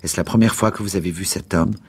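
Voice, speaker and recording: A man's voice: low-pitched, quick pace, husky. A man reading aloud voices a stern aristocratic father who is indignant and pleading, with his voice raised above his narration.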